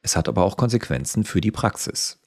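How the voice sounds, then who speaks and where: A man giving a measured, scripted reading of a written essay. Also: sits low, animated, no echo, studio quality. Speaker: article reader.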